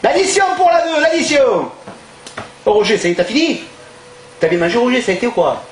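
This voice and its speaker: A man playing a crude, loud restaurant owner from Toulon with a southern French accent, swinging between fake charm and insults in a live stand-up sketch. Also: high voice, very fast, slight background noise, close to an everyday voice. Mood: fawning. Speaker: stand-up comedian. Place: theatre stage before an audience. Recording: echoey live hall.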